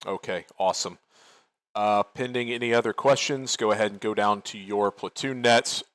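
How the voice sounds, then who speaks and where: A man's voice: fairly low pitch, moderate pace, a bit bright, no room sound. A man leading an online military game as commander, giving tactical briefings and talking through plans casually on a headset.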